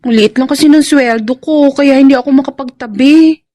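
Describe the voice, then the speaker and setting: An actress playing Trixie, a sweet-talking schemer. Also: female voice, high-pitched, a little fast, mellow, close to an everyday voice. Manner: sweet, coaxing. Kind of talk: radio drama acting.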